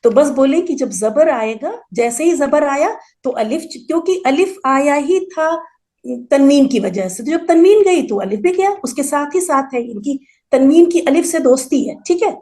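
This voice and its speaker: Female grammar teacher, high voice, patient and methodical, drills word forms aloud. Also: mellow. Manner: explains patiently, repeats word forms slowly for emphasis. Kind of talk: online class lecture.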